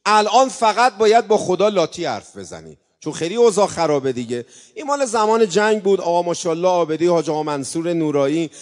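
A man preaching a religious sermon, coaxing his audience and breaking into chanted invocations, with sudden swings between loud and soft. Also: high-pitched, sing-song, long reverb tail. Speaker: religious speaker. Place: religious gathering hall.

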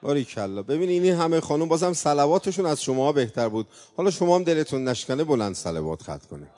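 A man preaching a religious sermon, coaxing his audience and breaking into chanted invocations, with sudden swings between loud and soft. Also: on the high side, very animated, long reverb tail. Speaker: religious speaker. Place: religious gathering hall.

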